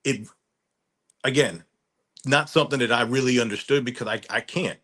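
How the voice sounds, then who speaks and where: A man, retired from the military, telling a story on a casual panel in halting speech, often repeating words. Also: mid-range voice, bright, forceful tone.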